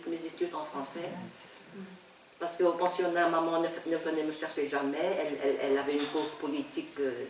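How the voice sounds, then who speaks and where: An older woman from Vietnam speaking with a Vietnamese accent, a novelist reminiscing in an interview, halting and repeating words with frequent laughter. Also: deep voice, darkish tone, recorded from a distance, slight background noise. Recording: echoey room, speaker off-mic.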